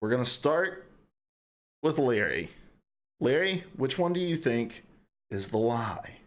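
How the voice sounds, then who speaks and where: A man's voice: medium pitch, very animated, slow. Playful man hosting a podcast game. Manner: playful, joking game-show patter. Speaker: podcast host. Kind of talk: casual gaming podcast chat.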